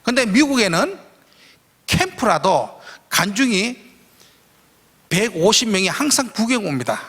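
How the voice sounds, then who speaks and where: A man preaching in a large church, telling an animated story with a high, bright voice that swings widely in pitch. His tone has a gravelly edge, and the sound rings out with a long hall echo. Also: measured pace. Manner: animated storyteller who acts out his own shouting. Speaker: guest preacher. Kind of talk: storytelling sermon.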